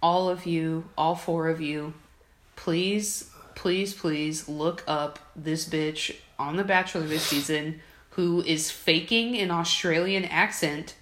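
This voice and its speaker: A woman co-hosting a podcast, chatting casually in a fairly low voice. She tells stories in an animated way and slips into the voices of the people she quotes. The sound is roomy, with a noticeable echo. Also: slow pace. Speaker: podcast co-host. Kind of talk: casual chat.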